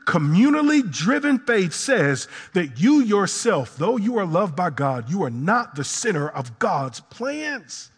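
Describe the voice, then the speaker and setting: A male pastor preaching a sermon with dramatic swings from loud peaks to quiet, low passages. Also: sing-song, measured pace, hardly any pauses, husky, big-room sound. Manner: impassioned preaching with dramatic swings of pitch and volume.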